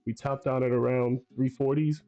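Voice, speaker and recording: Trading stream host, man, hoarse from losing his voice, mellow and relaxed, dull lo-fi audio with faint music. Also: medium pitch, moderate pace. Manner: laid-back, swears casually. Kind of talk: casual trading chat.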